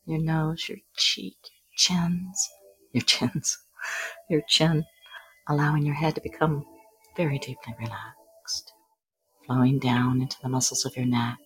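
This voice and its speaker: A woman guiding a hypnosis induction in a soft, breathy voice, often slipping into a whisper. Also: deep voice, little pitch movement, normal speed, low-quality recording.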